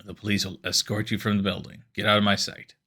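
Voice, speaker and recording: A man's voice: lowish voice, little pitch movement, fast talker, sharp tone, slight background noise. A man voicing a stern male police chief with a curt, accusing manner.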